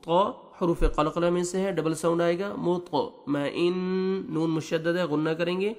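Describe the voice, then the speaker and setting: A man teaching Quran recitation. He spells out letters and vowel marks in brisk explanation, then recites verses in a slow, drawn-out chant. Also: on the high side, fairly even intonation, darkish tone, big-room sound.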